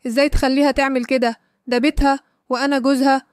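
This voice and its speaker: A jealous, furious young lover in Egyptian Arabic, voiced by a woman storyteller in her own voice. The lines come fast and flat, pitched somewhat high. The sound is close and dry. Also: no room sound, lightly acted. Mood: angry.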